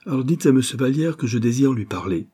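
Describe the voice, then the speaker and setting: Imagine a distraught young banker's daughter as a male narrator raises his voice to play her, her lines rising high above his usual pitch and pressing forward with sobbing, pleading emphasis. The tone stays dark and mellow under the strain, with a husky grain, as in a classic serial read aloud. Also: lively intonation, fast talker. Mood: urgent. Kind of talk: audiobook reading.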